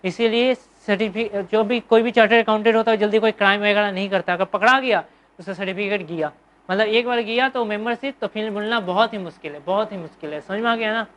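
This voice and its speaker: A woman's voice: mid-range voice, fast talker, a bit bright, dull audio. A woman with an Indian accent teaching a commerce class, asking questions and answering them herself and repeating key terms. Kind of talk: classroom lecture.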